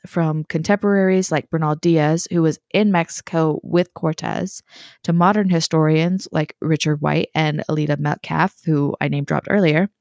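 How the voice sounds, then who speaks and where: A woman's voice: on the low side, vocal fry, a little mellow, no echo, studio quality. A young woman hosting a casual history podcast, chatty and self-deprecating, sometimes tripping over her words. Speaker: podcast host.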